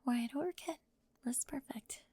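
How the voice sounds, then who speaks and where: A woman voices a high-strung, controlling teenage cheerleader in an ASMR roleplay, tearful and defensive, flustered and emphatic, with sighs and whispers. She speaks a little slowly with a dark, slightly rough tone, upset and confessing. The audio is dry, with no room sound.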